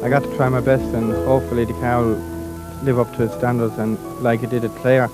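A man's voice: mid-range voice, flat delivery, brisk, over loud music. An Irish man in his thirties, a rally driver giving casual interview answers into a handheld microphone in the street. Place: outdoor street at a rally start.

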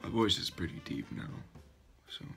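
A teenage YouTuber records a casual reaction vlog in his bedroom, chatty and self-mocking as he laughs at himself. His voice is a bit bright at normal speed, picked up by a built-in webcam mic at arm's length with faint music in the background.

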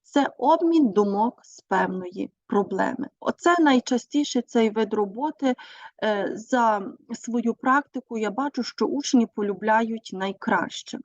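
Woman teacher talking thru her class methods, kinda high voice, lots of little "uh" pauses, dull dry sound. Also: no echo. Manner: measured, with frequent hesitations.

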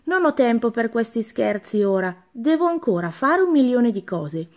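A woman voicing a caring, busy young queen and older sister in a children's storybook reading, her tone bright and hurried. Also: a little high, very animated. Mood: flustered.

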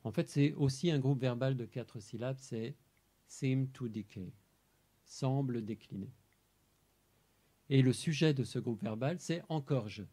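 A man presenting his translation work in a measured, explanatory talk, pausing over single words. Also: mid-range voice, mellow, slightly rough. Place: amphitheater.

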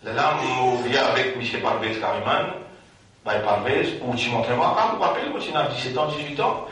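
Animated preacher in an echoey hall. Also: male voice, medium pitch, moderate pace, distant mic. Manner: animated preaching, swinging between loud and quiet. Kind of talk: Ramadan sermon.

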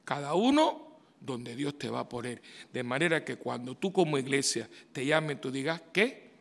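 A man, a priest giving a homily in a conversational way, full of rhetorical questions and sudden loud outbursts. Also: medium pitch, lively intonation, normal speed, creaky. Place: church. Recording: reverberant church hall.

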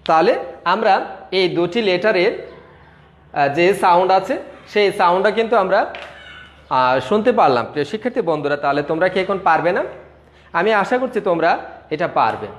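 A school English teacher with a Bangladeshi accent gives a slow lesson to young children. The teacher drills letter sounds, repeating each one and answering their own questions. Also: medium pitch, animated. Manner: patient, repetitive, asks and answers own questions. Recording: roomy echo.

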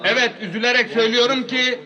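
A man's voice: very high-pitched, steady tone, fast talker, muffled recording, a crowd in the background. A man playing an earnest village doctor in a film comedy, folksy and emphatic in his speech. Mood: firm, lecturing. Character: earnest, plain-spoken male village doctor.

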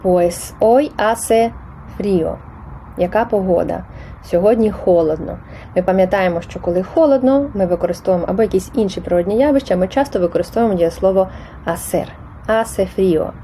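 A woman talks through Spanish grammar questions like a patient teacher, pausing and correcting herself as she goes. Her voice is mellow and warm, sitting at a middle pitch, with a faint hiss of noise behind it. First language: Ukrainian. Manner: patient, explanatory, with small hesitations. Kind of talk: explaining test answers.

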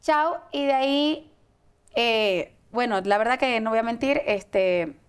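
Woman, higher voice, candid and animated talk show guest storyteller. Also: slow pace, clean tone. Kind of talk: candid storytelling in a casual interview.

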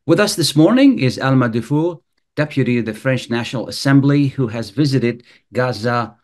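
A man hosting a radio interview, opening the show formally and asking his guest measured questions. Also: mid-range voice, expressive, darkish tone. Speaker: radio host.

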